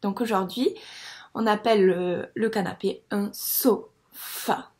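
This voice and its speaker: A woman's voice: mid-range voice, fairly even intonation, a little mellow, slight background noise. A woman teacher giving a patient phonics lesson to a young child and sounding out words syllable by syllable. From France. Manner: slow, patient, drawn-out syllables. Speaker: first-grade teacher.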